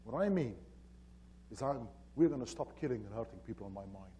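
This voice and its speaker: A man's voice: mid-range voice, expressive, a little fast, warm tone, natural voice. A man quoting an older male mine manager, speaking earnestly and with remorse.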